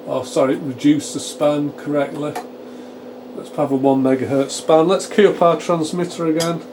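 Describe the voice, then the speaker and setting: A man whose voice sits on the high side demonstrates a repair informally in his small home electronics workshop, thinking aloud and explaining step by step for his radio repair channel. The steady hum of cooling fans on his test gear runs throughout.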